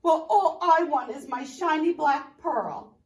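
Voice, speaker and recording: A woman's voice: high voice, slow, voice pushed up. A woman voicing a young female caterpillar who speaks with wounded firmness in a storybook reading. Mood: hurt, firm. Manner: wounded, firm. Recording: roomy, from a distance.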